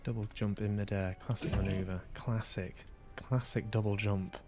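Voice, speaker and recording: With music playing behind him, an English game streamer and podcast host speaks at a normal speed in a steady, fairly low voice. Live on stream, he reads on-screen text aloud and slips in casual comments between passages.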